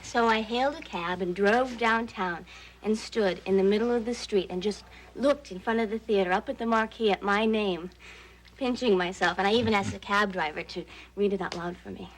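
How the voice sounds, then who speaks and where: An actress playing a playful young stage actress. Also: female voice, medium pitch, normal speed, slight background noise, natural voice, low-quality recording. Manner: playful, storytelling. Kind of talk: 1980s daytime soap acting.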